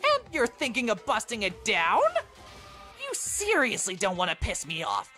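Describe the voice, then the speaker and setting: A woman's voice: medium pitch, wildly swooping pitch, normal speed, bright, forceful tone, faint music behind. A woman voicing a mischievous, petty male bear headmaster who taunts and takes offense easily. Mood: indignant.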